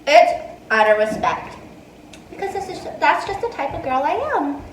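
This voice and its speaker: A woman's voice: high voice, lively intonation, moderate pace, roomy sound, recorded from a distance, slight background noise, poor audio. Chatty twenty-something woman eating on camera. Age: 20s. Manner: chatty, eating between answers. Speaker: mukbang vlogger. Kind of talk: casual Q&A while eating. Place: dining room indoors. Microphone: earphone mic, phone in hand.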